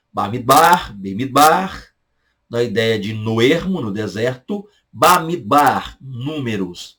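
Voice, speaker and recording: A Brazilian Portuguese-speaking man teaching an online Bible lesson, repeating each term slowly. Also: medium pitch. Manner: drills terms slowly, repeating each word.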